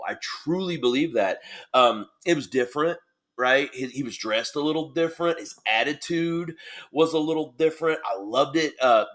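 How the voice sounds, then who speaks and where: A man hosting a solo podcast, talking in an excitable, casual way with lots of fillers and the odd swear. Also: medium pitch. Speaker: podcast host. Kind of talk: solo podcast wrestling recap.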